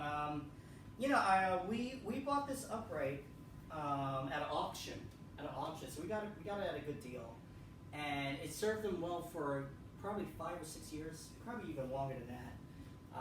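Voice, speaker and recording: A man's voice: a little high, expressive, moderate pace, noisy background. Rambling man in an echoey room. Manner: rambling, repeats himself, many ums. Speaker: piano vlogger. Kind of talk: casual home tour talk. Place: room in a house. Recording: echoey room, far from the mic.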